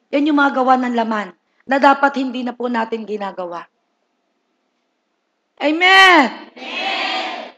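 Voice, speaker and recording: A high-voiced man preaches to his congregation. He is humorous and lively, acting out everyday people's words and asking the listeners for agreement again and again. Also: dull audio. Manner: humorous, asks the crowd "Di ba?" often; lively, acts out people's lines. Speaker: pastor. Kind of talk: sermon.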